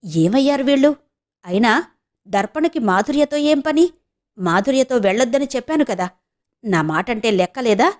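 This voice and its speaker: A woman's voice: on the high side, lively intonation, moderate pace, long pauses, darkish tone, natural voice. A woman voicing a hot-tempered young male college student who scolds angrily. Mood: angry. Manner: angry, scolding.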